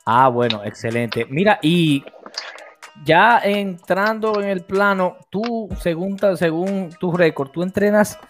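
Man, interview host, higher voice, excitable, repeats himself, faint music behind. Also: takes it slowly. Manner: excitable, repeats phrases, many restarts. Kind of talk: casual interview.

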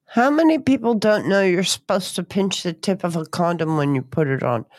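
Woman cohost, bouncy animated voice, playful teasing chat. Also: on the low side, normal speed. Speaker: podcast co-host. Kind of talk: casual chat.

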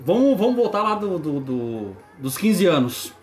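A man's voice: sits high, very animated, unhurried, a little mellow. Southern Brazilian man chatting over music. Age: 30s. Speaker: radio show co-host. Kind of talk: casual chat and storytelling.

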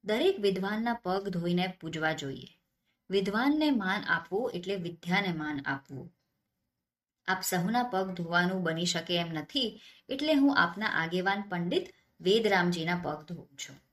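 A woman's voice: on the low side, animated, normal speed, a bit bright. A woman voicing a gracious, humble king who speaks politely and courteously in a storybook tale.

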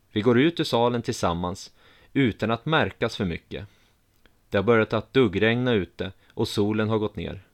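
Male audiobook narrator, low voice, calm first-person storytelling.

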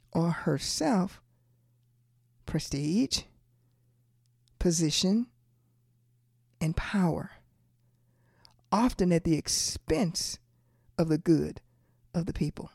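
A woman preaching a sermon, repeating her key lines slowly and calling out to the congregation. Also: on the low side, gravelly, warm tone, dry recording, studio quality. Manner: calls out to the congregation.

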